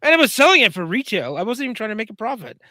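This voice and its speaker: A man hosting a podcast, telling stories in a loose, profane, animated way. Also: high-pitched, racing, no echo, clean studio sound. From Canada. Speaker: podcast host. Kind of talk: casual chat.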